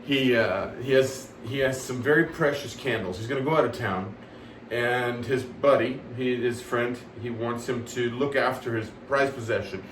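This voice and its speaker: A man's voice: medium pitch, fairly bright tone, distant mic. Male comic host, loose rambling joke delivery full of ums, slight room echo, faint noise behind. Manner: rambling, halting delivery with many fillers and laughs at own jokes. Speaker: comedy host telling jokes. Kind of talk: casual joke telling. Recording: roomy sound from away from the mic, faint background noise.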